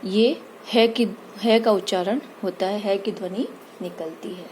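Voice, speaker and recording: A woman teaching Hindi grammar, patiently explaining vowels and spelling out each example slowly. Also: mid-range voice, darkish tone, slight background noise, rough recording. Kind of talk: slow explanatory lesson.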